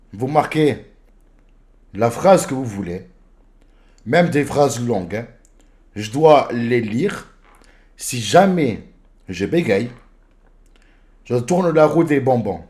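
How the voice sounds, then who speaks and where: Young man livestreaming, joking and loud. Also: medium pitch, slow, long pauses. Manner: joking, reads viewer messages aloud with bursts of loud excitement. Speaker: live streamer. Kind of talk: casual live-stream chat. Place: at home in his apartment.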